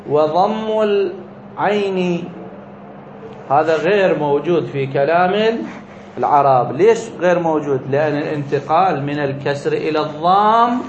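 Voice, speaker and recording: A man's voice: on the high side, slight background noise. A man teaching a grammar lesson, explaining step by step and asking and answering his own questions. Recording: echoey, slightly dull room recording.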